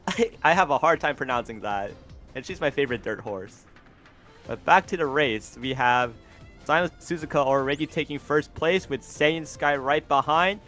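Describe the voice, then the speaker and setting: A man casting an online racing tournament, getting loud and excited during the race calls. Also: a little high, faint music behind. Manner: excitable, rises to loud fast calls at the finish. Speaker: tournament caster. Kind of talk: esports race commentary.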